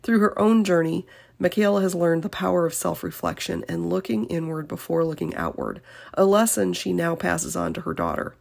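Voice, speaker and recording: A woman's voice: on the low side, lively intonation, normal speed, vocal fry, a little mellow. A woman hosting a podcast, reading a scripted introduction with a scratchy voice from a cold, upbeat and encouraging. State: getting over a cold, scratchy voice. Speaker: podcast host.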